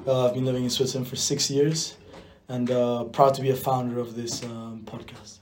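A teenage boy from Spain co-hosts a casual podcast, pausing often with ums. His voice sits mid-range, with a faint hiss in the background. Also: medium pitch, level tone. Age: teens. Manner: hesitant, many ums and uhs. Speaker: podcast co-founder. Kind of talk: casual chat.

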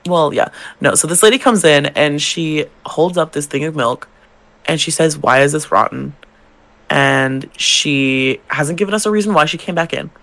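A young man who is a drag queen co-hosts a podcast, telling work stories in casual chat, swearing and acting out customers' lines. His gravelly, feminine-leaning voice is fairly high, bright and forceful at a moderate pace.

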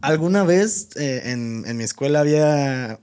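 A man's voice: on the high side, expressive, a little mellow, smooth. A young Mexican man co-hosting a podcast, chatting casually in slang and laughing easily. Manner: laid-back, slangy, quick to laugh. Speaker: podcast co-host. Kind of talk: casual chat.

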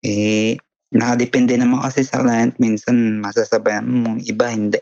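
A man's voice: mid-range voice, flat delivery, moderate pace, darkish tone, no echo, highs cut off. A young man with a Filipino accent, answering interview questions politely, saying "sir" and ending thoughts with fillers. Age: young adult. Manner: polite and plain, says "sir" and "po", many fillers like "ganyan". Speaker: interview guest, massage therapist. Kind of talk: casual interview.

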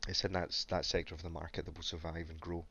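A man's voice: sits low, little pitch movement, fast, a bit bright, dull audio, a little hiss or hum. A man hosting a casual crypto Q&A, rambling with many stammered restarts and a slight cough. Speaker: crypto AMA host. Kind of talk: casual live Q&A chat.

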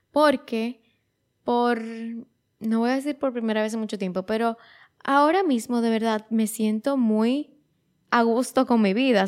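A young woman in her early twenties hosts her own show in a relaxed, reflective monologue. She talks in a chatty way, restarts her sentences and slips English words into her talk. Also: on the high side. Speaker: podcast host.

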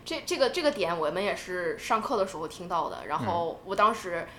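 A woman co-hosting a podcast in casual chat, animated and talking in quick bursts with restarts. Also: fairly low pitch, roomy sound, a little hiss or hum. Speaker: podcast co-host.

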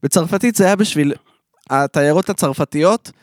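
A man's voice: fairly high pitch, no room sound, studio quality. A man co-hosting a podcast, chatting casually, candid and joking at his own expense. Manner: candid, self-mocking humor. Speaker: podcast co-host. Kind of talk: casual chat.

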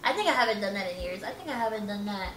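A woman in her late twenties co-hosting a casual podcast chat, blunt and quick to laugh, swearing freely. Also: mid-range voice, very animated, fairly bright tone, recorded from a distance, soft background music. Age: 20s. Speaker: podcast co-host. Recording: roomy echo, a bit off-mic.

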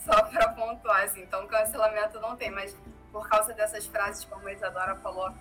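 A woman's voice: mid-range voice, little pitch movement, brisk, pushed and bright, soft background music, rough recording. A woman taking part in a casual discussion, speaking earnestly. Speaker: panelist.

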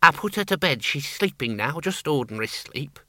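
A man voicing an anxious, bossy older farm woman, high-pitched and sharp. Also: animated, normal speed, dry recording, studio quality. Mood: fretful.

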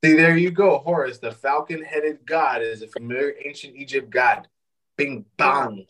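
A man's voice: mid-range voice, steady tone, normal speed, a bit bright, rough recording. Profane, laughing man on a call. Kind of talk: casual chat. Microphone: video call.

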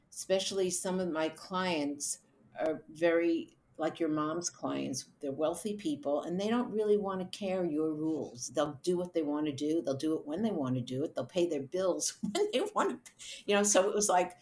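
Chatty middle-aged woman, slightly low voice. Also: darkish tone, slight background noise. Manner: chatty, laughs while telling stories. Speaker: event producer, guest. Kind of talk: conversational interview answers.

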